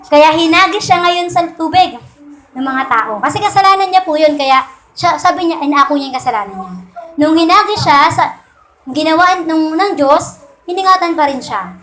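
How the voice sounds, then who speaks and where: A woman's voice: high-pitched, lively intonation, normal speed, fairly bright tone, slight background noise. A woman preaching as she retells a Bible story in a casual way, politely asking her listeners questions again and again.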